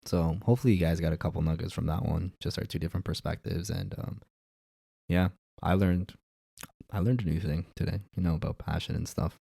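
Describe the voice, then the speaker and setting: A man's voice: deep voice, steady tone, brisk, vocal fry, mellow, slightly rough, no echo, clean studio sound. A man co-hosting a podcast in casual chat, agreeable and affirming. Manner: agreeable, brief affirming replies. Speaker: podcast co-host.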